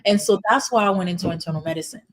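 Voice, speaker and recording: A middle-aged woman from Haiti, a hospital physician in internal medicine appearing as a guest, races through her interview answers in a lowish voice. She explains earnestly with frequent "you know"s, over a little hiss or hum.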